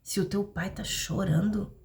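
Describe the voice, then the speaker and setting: A woman's voice: mid-range voice, fairly even intonation, unhurried, creaky, a little mellow, a little hiss or hum. A woman preaching in a live prophetic class, urgent and pleading, often dropping to a whisper. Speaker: prophetic teacher.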